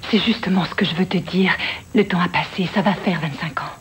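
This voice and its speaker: An actress playing a composed therapist and radio counsellor, measured and formal in a film drama. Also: female voice, fairly low pitch, muffled recording, noisy background, natural voice. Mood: anxious, apologetic. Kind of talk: French-dubbed film drama.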